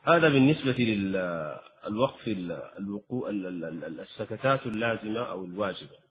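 A man teaching the rules of Quran recitation, explaining at a measured pace and breaking into slow, melodic recited examples. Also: lowish voice, lively intonation, in a large hall. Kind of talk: tajweed lesson with chanted examples. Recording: slightly dull lo-fi sound.

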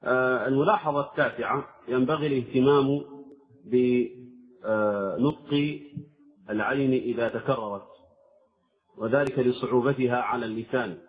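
A man teaching Quran recitation, slow and deliberate, drawing out words to show how each sound should be said. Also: mid-range voice, fairly even intonation, husky. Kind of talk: tajweed lesson with recited examples. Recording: tinny phone-like recording.

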